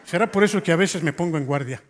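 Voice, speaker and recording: A male pastor preaching a sermon in a church hall, telling a story with passion and sometimes rising almost to a shout. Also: a little high, fast talker. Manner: impassioned, rising to near shouts in retold scenes. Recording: long reverb of a large hall.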